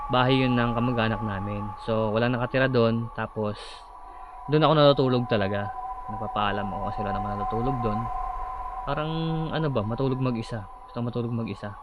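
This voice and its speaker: A man casually telling a personal horror story about sleep paralysis, halting and acting out his own shouts. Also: medium pitch. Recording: slightly dull audio with clear background noise.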